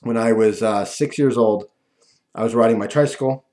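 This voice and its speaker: A man talking casually and ramblingly to viewers, with a lispy voice from missing front teeth that softens his F and V sounds. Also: medium pitch, normal speed. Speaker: video host.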